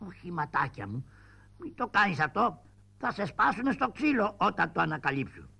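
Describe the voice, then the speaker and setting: A fussy, fearful puppet town crier, played by a man, pitched high and bright with a drawn-out sing-song call. His voice swoops and frets with a touch of grit. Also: big pitch swings, creaky, slightly rough, heavily acted. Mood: fretful. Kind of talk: shadow-puppet theatre acting.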